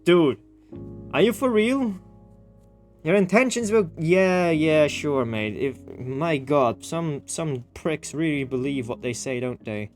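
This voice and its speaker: A man with a voice on the high side reads a game story aloud at a slow pace, commenting casually in informal slang. He's a gaming host working through a visual novel, with guitar game music behind him.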